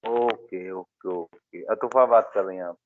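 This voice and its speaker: A man's voice: sits low, a little slow, no room sound. Man teaching online over crackling audio. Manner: quizzes the class and answers his own questions. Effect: crackling, breaking-up audio from a bad connection. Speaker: math teacher. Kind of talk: online class lecture. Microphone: online video call. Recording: narrow phone-like online call audio.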